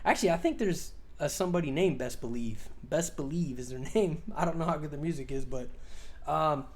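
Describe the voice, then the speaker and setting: A man's voice: on the high side, brisk, a little mellow. A man in his forties talks loosely on a podcast, rambling with plenty of fillers and casual swearing. He laughs easily and drifts from point to point. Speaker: podcast co-host.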